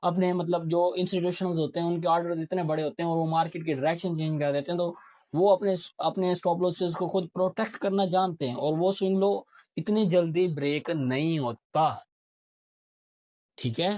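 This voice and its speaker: A man's voice: fairly high pitch, steady tone, a little fast, darkish tone, no room sound. A man, teaching a casual lesson on reading charts, often asking a question and answering it himself. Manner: explains while marking a chart. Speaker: trading teacher.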